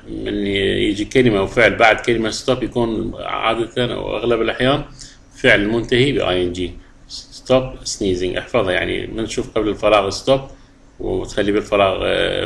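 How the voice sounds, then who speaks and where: Man, Iraqi Arabic accent, English teacher, slow careful phrase reading, fairly low voice. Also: fairly even intonation, vocal fry, a bit bright. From Iraq. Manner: reads English phrases slowly and deliberately, then explains them. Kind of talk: classroom lesson explanation.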